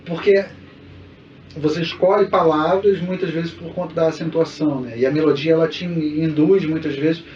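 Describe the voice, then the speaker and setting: A man co-hosting a casual podcast, explaining things in a relaxed way and laughing often. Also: a little high, moderate pace. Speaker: podcast co-host. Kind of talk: casual chat. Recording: echoey room, distant mic, dull sound, faint noise.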